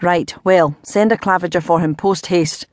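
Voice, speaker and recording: A woman voicing a gruff irritable nobleman. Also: fairly low pitch, fairly even intonation, normal speed, dry recording, clean studio sound, lightly acted. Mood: irritated. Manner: barking, impatient.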